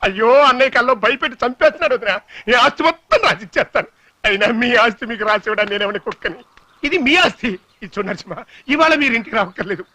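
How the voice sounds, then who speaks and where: A scheming, fawning uncle rattles off his lines at breakneck speed in a high, bright, pushy voice. He swings between scolding and theatrical pleading. The studio dub is bone-dry. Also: lively intonation, no echo, full character voice. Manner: rapid, wheedling and theatrical, scolding then pleading. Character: scheming, fawning middle-aged uncle of the family. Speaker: dubbing actor. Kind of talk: dubbed film dialogue.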